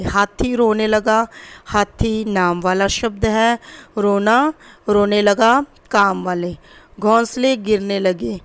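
Slow, clear-voiced woman teacher explaining. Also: mid-range voice, no room sound. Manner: slow and explanatory, addressing students as "beta". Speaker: primary school teacher. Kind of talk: recorded class lesson going through workbook answers.

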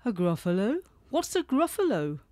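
A woman's voice: fairly high pitch, sing-song, normal speed, a little mellow, no echo. A woman voicing a hungry male owl who speaks politely and hoots.

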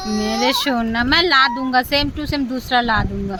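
Young woman, mother, high-pitched voice, soothing, hushed, home vlog at night. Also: normal speed. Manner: soothing and hushed while comforting a child. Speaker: mother and vlogger. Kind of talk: family vlog.

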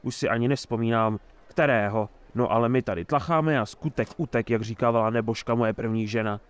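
A man's voice: mid-range voice, natural voice. A man doing a sly jovial old mayor. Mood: sly, hearty. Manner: effusive, sly and talkative. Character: jovial scheming male town mayor, older.

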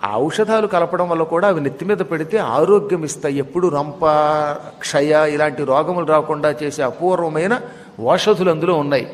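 A man giving a devotional discourse, teacherly and addressing listeners directly, slowly chanting verses and then explaining them. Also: a little high. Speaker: religious discourse speaker. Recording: long hall reverb.

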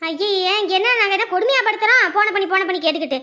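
A woman voicing a loud, nagging older mother-in-law. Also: lively intonation, racing, full character voice. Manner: shrill, nagging.

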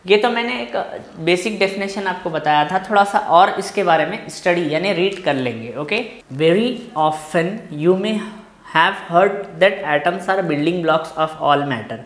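A man with an Indian English accent teaching a physics lesson in a classroom, reading from the textbook slowly and then explaining in a quick mix of Hindi and English. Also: fairly high pitch, fairly bright tone, echoey room. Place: classroom with a board.

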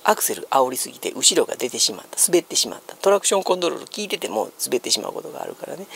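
Seated on a sofa in a small home room, this solo streamer chats loosely about current events, explaining stories as he mulls them over. He has a Kansai Japanese accent, and his fairly high voice sounds creaky and slightly rough.

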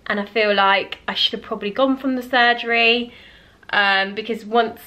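A woman in her thirties talks casually to a camera held at arm's length in her living room. She sounds tired and rambles with fillers, her bright voice a little stuffy from a blocked nose. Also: a little high, fairly even intonation, normal speed. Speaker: vlogger. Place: living room at home, indoors. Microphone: handheld camera at arm's length.

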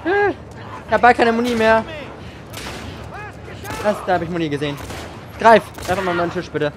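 Man, gaming commentary, sarcastic self-talk, high voice, loud game noise behind. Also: expressive, moderate pace. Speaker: let's play streamer. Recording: voice over game sounds.

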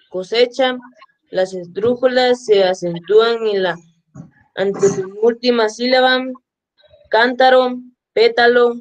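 A student reading a textbook aloud on a video call, slowly and carefully, restarting some words. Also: female voice, fairly high pitch. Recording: dull lo-fi sound.

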